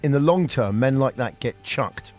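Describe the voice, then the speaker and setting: A man's voice: medium pitch, expressive, normal speed, darkish tone, soft background music. A man hosting a radio show, joking and laughing in casual banter. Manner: jokey, playful, laughs a lot.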